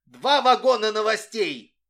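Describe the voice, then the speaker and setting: A man voicing an excitable, bustling schoolboy who shouts and boasts breathlessly in an audiobook. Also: high voice, a little slow, pitched above the performer's own voice, exaggerated voice. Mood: excited.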